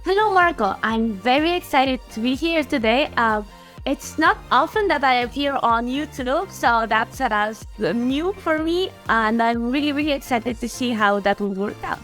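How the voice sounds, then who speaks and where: Woman in her 30s, chatty and lively, kinda high voice, laughs a lot, video call. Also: moderate pace, soft background music. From Bulgaria. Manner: animated and chatty, laughs often. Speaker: guest, sanctions compliance specialist. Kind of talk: interview answers.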